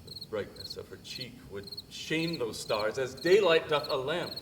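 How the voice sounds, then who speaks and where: A man performs a lovestruck young suitor in a Shakespearean monologue. He speaks slowly and theatrically, lingering on his exclamations. The microphone is far from him, and loud insect noise fills the recording. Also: medium pitch, animated. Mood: tender awe. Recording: distant mic outdoors, loud insect noise.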